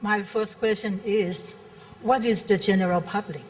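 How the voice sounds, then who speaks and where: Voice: mid-range voice, fairly even intonation, measured pace, distant mic. A panelist giving frank advice in a conference panel discussion, often repeating words as she or he speaks. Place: convention hall.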